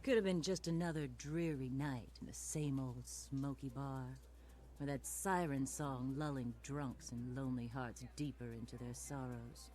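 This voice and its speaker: A woman's voice: rumbling low, steady tone, a little slow, warm tone, a little hiss or hum. An actress voicing a world-weary woman private detective in a film noir game, sultry, dry and sardonic. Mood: brooding, wry. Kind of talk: film noir detective narration and dialogue, video game voice acting. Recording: music under the voice.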